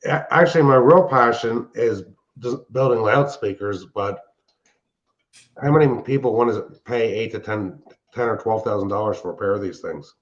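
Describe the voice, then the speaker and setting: An older hobbyist who hosts a show chats casually and technically, rambling through his explanations. His voice is on the low side at a moderate pace, and the recording sounds dull and band-limited.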